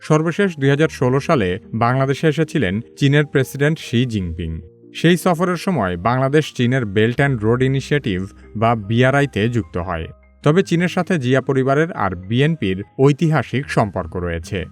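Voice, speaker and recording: Measured male news explainer over soft music. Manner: even, measured delivery with sentences falling low at the ends. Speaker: explainer narrator. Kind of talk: scripted news explainer narration. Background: faint background music.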